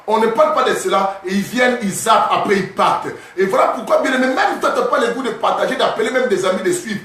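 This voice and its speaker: A man preaching a sermon as a bishop, emphatic and often shouting, calling his listeners beloved over and over. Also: high voice. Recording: echoey hall, voice from a distance.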